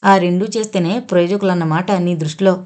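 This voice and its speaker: A woman voicing a defiant young man who answers his mother with sarcasm and shouts. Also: lowish voice, steady tone, a little fast, lightly acted. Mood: sarcastic.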